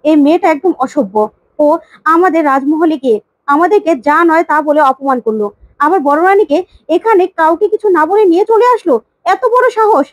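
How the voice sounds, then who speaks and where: A woman's voice: very high-pitched, brisk, no room sound. A woman voicing a furious, imperious middle-aged queen who scolds and demands, while retelling a serial plot. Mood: angry.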